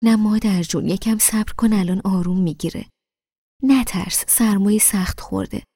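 A woman's voice: mid-range voice, steady tone, no room sound, clean studio sound, natural voice. A woman reading a soothing older mother. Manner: reassuring, gentle.

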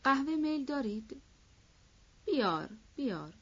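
A woman's voice: high-pitched, sing-song, fairly bright tone, highs cut off, voice pushed up. A woman voicing a sly, chatty male servant in an audiobook, speaking in a knowing, matter-of-fact way. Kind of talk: audiobook character voice.

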